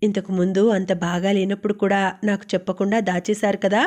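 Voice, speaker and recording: A woman voicing a gentle, wistful young working woman talking with her roommate and father. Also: medium pitch, level tone, brisk, close to an everyday voice.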